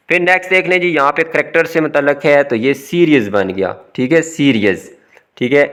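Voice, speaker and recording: A man, an English teacher explaining a recorded lesson step by step, his voice rising on each new word and dropping to finish it. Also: medium pitch. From Pakistan.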